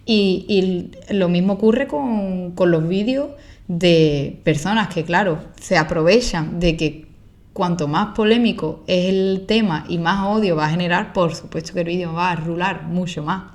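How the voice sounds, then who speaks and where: A woman's voice: lowish voice, measured pace. A young woman with an Andalusian Spanish accent speaking casually and with opinion in an interview, using colloquial, emphatic phrasing and rhetorical questions. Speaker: guest, social media creator and activist.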